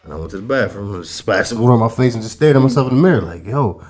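Racing along with lively intonation, a thirty-something podcast co-host spins a long, rambling yarn in a laid-back way, heavy on fillers and curse words. His voice is on the low side and darkish, set against soft background music in this casual storytelling chat.

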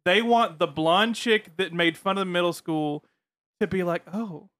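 A man's voice: sits high, normal speed, a bit bright. A man co-hosting a podcast in casual, jokey chat, often slipping into silly voices. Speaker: podcast co-host.

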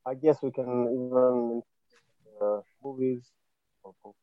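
Halting speaker, slightly muffled sound. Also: mid-range voice, steady tone, dry recording. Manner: halting, searching for words. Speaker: discussion panelist. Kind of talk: casual chat. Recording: slightly dull, muffled online call.

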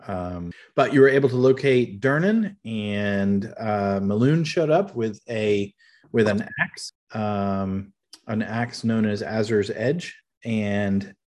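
A man's voice: lowish voice, darkish tone. Rambling man running a tabletop game. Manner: rambling, hesitant, many fillers. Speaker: game master.

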